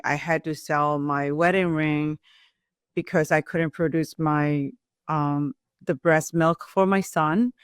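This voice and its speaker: A low-voiced woman from Myanmar, an entrepreneur who runs a restaurant, talks about her own story for an interviewer. Her Burmese-accented English is simple and halting, though her voice is clear and smooth. The audio is dry and close, with no room sound.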